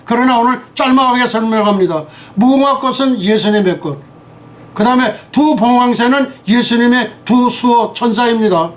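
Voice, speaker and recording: A man's voice: very high-pitched, normal speed. A man in his eighties preaching in a rambling, scolding way. He is teary and sniffling, hurls insults and keeps asking his listeners whether they understand. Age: 80s. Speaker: pastor. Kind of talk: rambling sermon and political rant.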